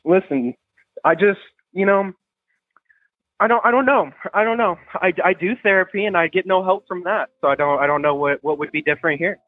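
A man's voice: sits high, brisk. A young man calling into a show, talking hesitantly and stammering. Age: young adult. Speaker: caller. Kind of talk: phone-in confession. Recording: tinny phone line.

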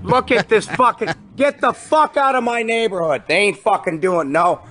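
A man furiously yelling and swearing at people on his street, recorded outdoors on a phone. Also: high voice, normal speed. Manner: furious, shouting commands. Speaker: angry neighbor in a played clip. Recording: loud outdoor noise, passing cars.

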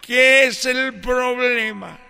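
A man putting on a creaky ghost of a dead father. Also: very high voice, fairly even intonation, pushed and bright, full character voice. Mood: ghostly. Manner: slow, creaky, drawn-out delivery. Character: dead father speaking from hell, older man. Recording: reverb-washed voice over music.

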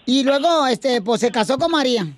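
A man's voice: extremely high pitch, animated, normal speed. A man hosting a morning radio show, cracking jokes and slangy banter. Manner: playful, laughing, slangy joke-teller.

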